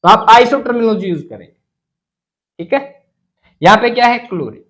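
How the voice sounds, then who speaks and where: A man's voice: high-pitched, lively intonation, moderate pace, a bit bright, rough recording. A man teaching chemistry as a lecture. He asks the class questions and then answers them himself, and he drops English terms into his explanations.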